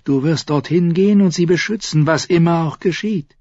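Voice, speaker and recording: A man voicing a sharp-tongued, weary dwarf lord who gives clipped urgent orders in an audiobook. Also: fairly high pitch, moderate pace, dry recording, lo-fi sound, voice pushed up, natural voice. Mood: commanding. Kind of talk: audiobook character voice.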